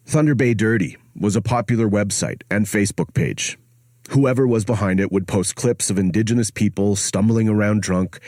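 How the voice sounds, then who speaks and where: A man hosting and narrating a documentary podcast in a grave, measured tone, recorded on a studio mic. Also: lowish voice, a little mellow, no room sound.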